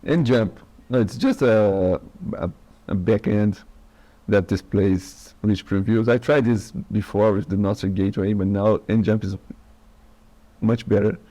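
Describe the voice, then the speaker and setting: A man's voice: lowish voice, steady tone, measured pace, warm tone. A man guesting on a tech podcast, brief and laconic with dry sarcastic humor. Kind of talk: casual tech chat.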